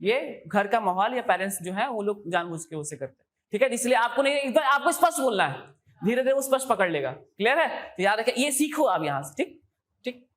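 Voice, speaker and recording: Higher-pitched woman teaching exam prep. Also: big pitch swings, brisk. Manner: repeats key terms, quizzes students with questions. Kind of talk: exam coaching lecture. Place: classroom.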